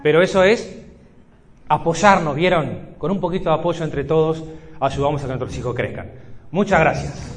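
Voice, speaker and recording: A man addresses an audience of parents. He tells stories with energy and slips into short acted exchanges. His voice sits a touch higher than most men's. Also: moderate pace, background noise. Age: 50s. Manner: lively storytelling, acting out dialogues. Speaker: psychologist.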